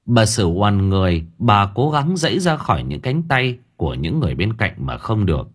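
A man narrating an audiobook story with dramatic, expressive delivery. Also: lowish voice, normal speed, breathy edge.

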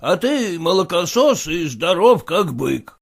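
A man's voice: high voice, sing-song, slow, creaky, breathy edge, exaggerated voice. A man voicing a stern elderly general who talks curtly and commandingly. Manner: curt, commanding, dry laughter. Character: stern elderly male general, gruff and mocking.

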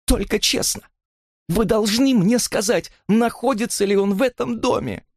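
A man's voice: high voice, normal speed, no room sound, clean studio sound, pitched above the performer's own voice. A man voicing a frightened young woman who begs her brother in a trembling voice in an audiobook reading. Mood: desperate pleading. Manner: trembling, begging. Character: frightened pleading young woman, devoted sister.

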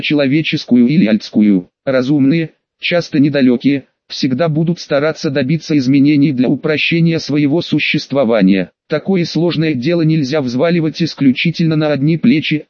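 A man's voice: fairly high pitch, a little mellow, no room sound, natural voice. A tired old nobleman speaks in a sighing, grumbling way, as a male audiobook reader puts him on. His talk is reflective and worn out. The recording is dry and slightly dull. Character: weary old male count, wise and grumbling. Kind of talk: audiobook character reading.

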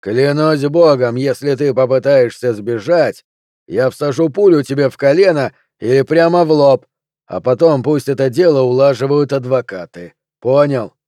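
A man voicing a hot-tempered armed bounty hunter who threatens slowly and loudly. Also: mid-range voice, no echo, clean studio sound, close to an everyday voice. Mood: menacing. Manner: gruff, threatening, slow and loud.

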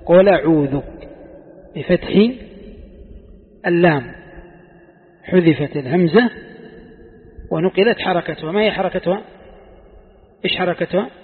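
A man teaching a class on Quran commentary, quizzing his students and repeating key phrases for emphasis. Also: high-pitched. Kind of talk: classroom lesson. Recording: tinny phone-like sound in a long-reverb hall.

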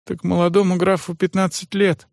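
A man's voice: high-pitched, little pitch movement, normal speed, vocal fry, a little mellow, dry recording, clean studio sound, pitched above the performer's own voice. A man voicing a simple, chatty peasant servant who talks in a folksy, rambling singsong. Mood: gossipy. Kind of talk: audiobook character voice.

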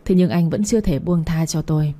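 A woman narrating a romance story in the first person with a slow, measured, melancholic reading. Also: low-pitched, mellow. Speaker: audiobook narrator.

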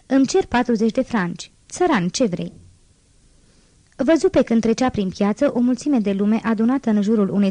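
A woman narrating an audiobook in a steady, measured way, close to the mic. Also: mid-range voice, no room sound. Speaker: audiobook reader. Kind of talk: scripted narration.

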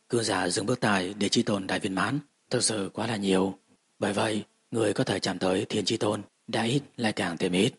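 Low voice guy reading a fantasy novel aloud, really clean and smooth, steady pace. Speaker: audiobook narrator. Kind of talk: scripted fantasy audiobook narration.

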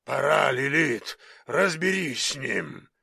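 Gruff jovial giant henchman played by a male narrator, blunt, slow, dry. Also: mid-range voice, expressive, pushed and bright, no room sound, full character voice. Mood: urging. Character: huge bearded giant servant, gruff and jovial. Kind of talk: audiobook reading.

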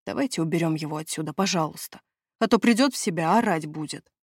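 A woman's voice: low voice, fast, breathy edge, no room sound, clean studio sound, voice pushed down. A woman doing a whining, scheming castle steward. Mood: complaining. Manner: whining, evasive, haggling. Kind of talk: audiobook character reading.

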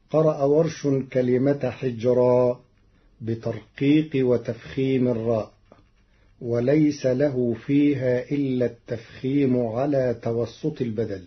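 A man explaining variant readings of scripture in a measured, scholarly manner, from an old radio recording. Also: medium pitch, fairly even intonation, husky, dull audio. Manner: deliberate, quotes verses in a slow intoned voice. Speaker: presenter explaining recitation variants.

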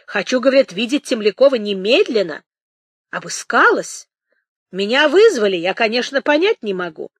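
A woman voicing a jovial middle-aged male boatman who banters loudly and snorts with laughter. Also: very high voice, sing-song, normal speed, dry recording, studio quality, heavily acted. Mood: hurried, jocular.

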